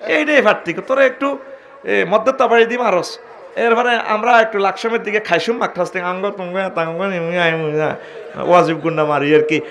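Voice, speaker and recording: A man's voice: sits high, brisk, a bit bright, slight background noise. A man with a Comilla Bengali accent preaching a humorous Islamic sermon, chanting verses in a sing-song voice and calling out to the crowd. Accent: Comilla Bengali dialect. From Bangladesh.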